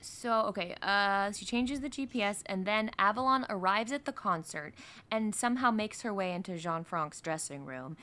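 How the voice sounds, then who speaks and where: Young female co-host, bright tone, chatty recap with "uh"s and asides. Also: mid-range voice, normal speed. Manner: rambling plot summary with fillers and questions. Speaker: podcast co-host. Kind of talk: casual chat recapping a film.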